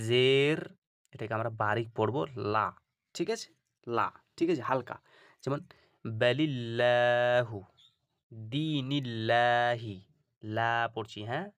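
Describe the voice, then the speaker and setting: A man's voice: medium pitch, fairly bright tone, no room sound. Patient male Quran teacher, dry room. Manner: patient and repetitive, often asking "ঠিক আছে?" and drawing out Arabic examples slowly. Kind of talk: instructional video lesson.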